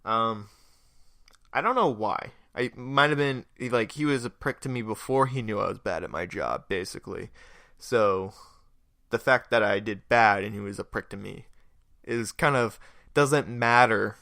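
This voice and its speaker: A man's voice: on the low side, measured pace, creaky, pushed and bright, no room sound, studio quality. A young man hosting a podcast, telling a rambling story in a casual way, laughing and swearing now and then. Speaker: podcast host.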